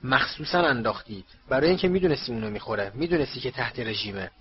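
A man voicing an angry middle-aged wizard father who scolds his sons loudly, in an audiobook recording with a slightly dull sound and faint hiss. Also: mid-range voice, close to an everyday voice. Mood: scolding. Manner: scolding, shouting.

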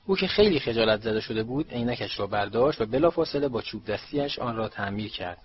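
A man narrates a storybook in a steady, measured reading voice at a middle pitch. The recording sounds dull and lo-fi. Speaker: audiobook narrator.

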